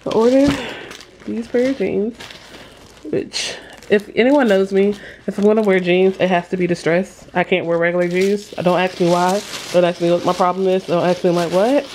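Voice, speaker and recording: A young woman, coughing and sore-throated, rambles chattily through a casual haul vlog in a small room at home, recorded on a handheld phone at arm's length. Her mid-range voice is steady and darkish at normal speed, and the audio is poor with a little hiss or hum.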